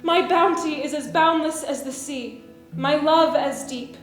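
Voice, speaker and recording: A woman's voice: sits high, unhurried, a bit bright, reverberant, faint music behind. A woman playing a lovestruck, playful, eager young maiden in theatrical Shakespearean verse. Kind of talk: theatrical Shakespearean stage acting.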